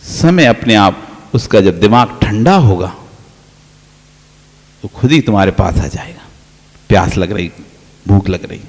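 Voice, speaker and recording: A man's voice: lowish voice, animated, a little slow, long pauses. A man, a Jain monk, giving a sermon, telling everyday stories with playful quoted dialogue and the odd laugh. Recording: long reverb of a hall.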